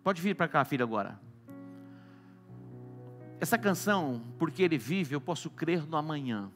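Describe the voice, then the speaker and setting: Brazilian guy preaching, bright tense voice, kinda high for a man, goes loud then hushed. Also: animated, moderate pace, soft background music. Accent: Brazilian Portuguese. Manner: swings between loud exclamations and soft hushed lines. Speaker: apostle preaching. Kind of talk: sermon.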